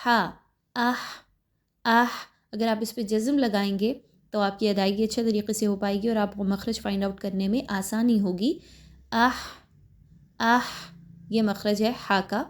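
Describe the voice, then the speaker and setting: A woman with an Urdu accent teaching Quran recitation, explaining the rules step by step and pausing to check that listeners have understood. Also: mid-range voice, fairly even intonation. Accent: Pakistani Urdu. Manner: explains step by step, then recites slowly and drawn out; checks understanding with repeated "clear?". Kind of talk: recorded recitation lesson.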